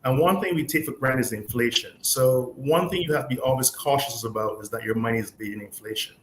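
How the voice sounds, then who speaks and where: A man in his fifties from Barbados, a pension expert, calmly explaining money matters on a talk show with many fillers. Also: mid-range voice, quick pace. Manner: calm, explanatory, with frequent fillers. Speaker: pension and investments guest expert. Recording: echoey room with faint noise.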